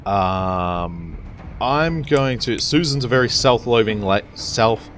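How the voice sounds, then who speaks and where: A man's voice: fairly low pitch, slow pace, fairly bright tone, faint music behind. A man hosting a gaming video with casual gameplay commentary.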